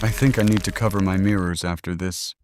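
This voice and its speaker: Over music, a man co-hosts a horror podcast, delivering scripted reactions to the story that sound incredulous and nervous. His voice is low-pitched, his intonation fairly even, and he speaks a little fast.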